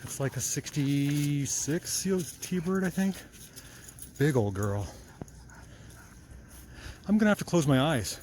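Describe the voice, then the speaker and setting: A man's voice: a little high, lively intonation, slow pace, long pauses, darkish tone, a little hiss or hum. A man who works as a mechanic, chatting casually and a little out of breath while running outdoors through neighborhood streets with his dog. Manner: chatty, enthusiastic, talking while jogging. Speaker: vlogger, mechanic. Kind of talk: casual walking vlog.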